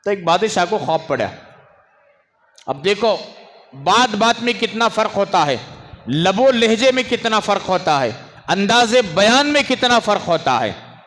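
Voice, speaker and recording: A man preaching an Islamic sermon, swinging between raised, emphatic phrases and low asides, and stopping to hush restless children. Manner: scolds and hushes children in the audience. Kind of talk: religious sermon. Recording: long hall reverb.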